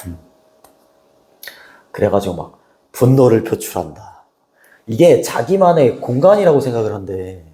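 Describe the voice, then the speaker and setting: A man's voice: fairly low pitch, dark tone. Casual, chatty male English teacher. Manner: casual, chatty, asks students rhetorical questions. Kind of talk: classroom lecture. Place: classroom.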